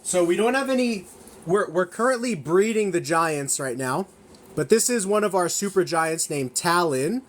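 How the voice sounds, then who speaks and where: A young man with a somewhat high-pitched voice chats eagerly on a livestream. He rambles, restarts his sentences and corrects his own numbers. At times he talks with his mouth full as he eats. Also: animated, moderate pace. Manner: enthusiastic, rambling, self-correcting. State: eating while talking. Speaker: gecko breeder and shop owner hosting a livestream. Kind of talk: casual livestream sales chat.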